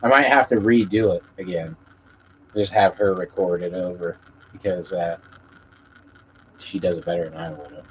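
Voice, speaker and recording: The stream audio is muffled and lo-fi, with background noise. A musician hosting it chats in a low-pitched, fairly even voice at a moderate pace, leaving long pauses. He's laid-back and rambling, swearing freely with his viewers.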